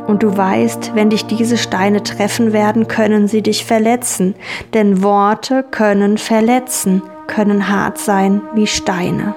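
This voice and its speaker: A woman guiding children through a relaxing dream journey, speaking calmly and soothingly with gentle repetition. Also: mid-range voice. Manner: slow, calm, soothing and repetitive. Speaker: guided relaxation guide for children. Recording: soft music bed. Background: soft music.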